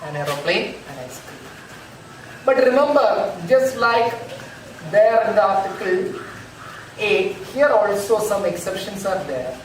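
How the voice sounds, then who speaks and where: A male school teacher, slowly explaining grammar in an online lesson and repeating examples. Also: high-pitched, lively intonation. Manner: slow, repetitive, drills examples aloud. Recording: echoey room, distant mic, noisy.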